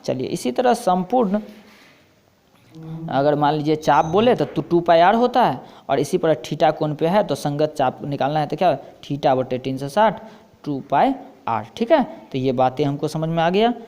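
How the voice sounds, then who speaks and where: A man's voice: a little high, expressive, moderate pace, warm tone. A man with a Bihari Hindi accent teaching maths, explaining step by step and asking himself questions as he goes. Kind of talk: blackboard lesson.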